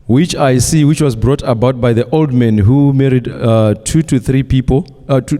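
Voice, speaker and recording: A man testifies before a congregation, his voice mellow and warm at a middle pitch. He speaks in a measured way, pausing often, and the long reverb of a church hall trails after his words. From Zimbabwe. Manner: measured, with frequent hesitations. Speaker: church member giving testimony.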